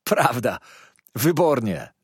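Hearty young fisherman, cheering and loud, voiced by a male reader, husky, dry sound. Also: fairly low pitch, big pitch swings, measured pace, dry recording, full character voice. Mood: jolly. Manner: loud, exclamatory.

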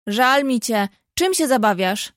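A bold, lively teenage girl, read by a woman in a storybook, frank, brisk and cheerful. The voice is fairly high and recorded close and dry. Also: no echo.

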